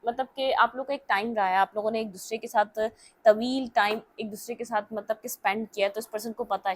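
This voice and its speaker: A young woman giving a casual tarot reading to her viewers, talking things through and checking in with frequent "okay"s. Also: fairly high pitch. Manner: talkative, keeps checking in with "theek hai", mixes English words. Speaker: tarot reader.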